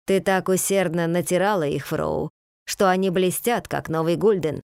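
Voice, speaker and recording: Brief: woman reading as a tired, gentle husband, low and subdued, slow halting lines, dry close sound. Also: gravelly, clear, resonant tone, dry recording. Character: weary, soft-spoken husband, gentle, slow.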